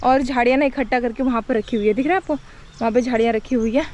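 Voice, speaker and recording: A woman's voice: fairly high pitch, quick pace, a little mellow. A young woman walking through farm fields, chatting casually to viewers on a phone camera and pointing out the crops. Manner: chatty, shows things to viewers. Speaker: vlogger. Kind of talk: casual farm vlog narration.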